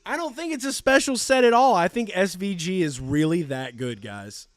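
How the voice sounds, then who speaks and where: A man hosting a live race stream, giving excitable, profane, jokey commentary. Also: sits high, moderate pace, no echo, studio quality.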